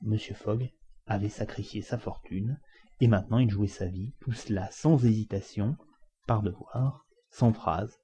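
Reading a classic novel aloud at a measured pace, this man brings warm, lowish tones and dramatic, shifting emphasis to his expressive audiobook narration. The recording quality is dull lo-fi.

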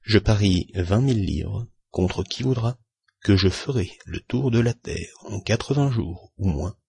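A man reading a cool, unflappable English gentleman in an audiobook, calm, precise and clipped. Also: fairly low pitch, a little slow, gravelly, breathy edge, no room sound, clean studio sound, exaggerated voice. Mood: measured.

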